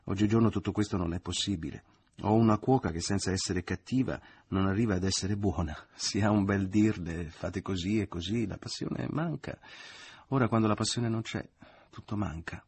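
Guy reading a touchy complaining mom, storybook voice, kinda husky. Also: lowish voice, moderate pace, darkish tone. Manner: complaining, indignant. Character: fussy middle-aged mother, touchy, quick to take offense.

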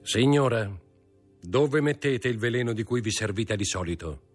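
A man's voice: medium pitch, lively intonation, moderate pace, breathy edge, soft background music, voice pushed up. A man reading an audiobook, voicing a stern magistrate who coldly accuses his wife. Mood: cold accusing. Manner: cold, accusing, contemptuous.

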